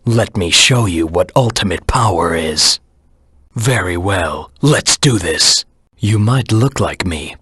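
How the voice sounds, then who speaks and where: A brooding, proud hedgehog antihero from a video game. The voice is low and heavily rasped, recorded very dry and close. He speaks in a grim, terse, self-serious way. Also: fairly bright tone, no echo, full character voice. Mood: cocky, determined. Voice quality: low, husky rasp. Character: brooding, proud anthropomorphic hedgehog antihero, the ultimate life form. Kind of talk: video game character voice lines.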